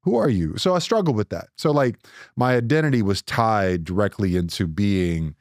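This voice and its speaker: A man's voice: lowish voice, moderate pace, no room sound, clean studio sound. A middle-aged man from Nigeria, co-hosting a casual podcast and telling personal stories with many restarts and playful jumps in his voice. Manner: animated storytelling, many restarts, voice jumps up when joking. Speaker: podcast co-host.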